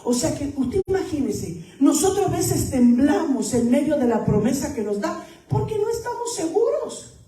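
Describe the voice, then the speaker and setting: A woman pastor preaches to her congregation in a high, mellow voice. She calls out to the church, builds to emphatic peaks and drops to hushed asides. The sound is roomy, with her voice set a little back from the mic. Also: very animated, normal speed, distant mic. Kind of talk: sermon.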